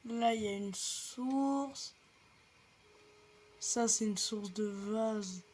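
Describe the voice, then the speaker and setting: A woman's voice: on the high side, drawn-out words, a little mellow, slight background noise. A young woman casually commenting on her gameplay, chatty and explaining each step to viewers with the odd light swear. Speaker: gaming video creator.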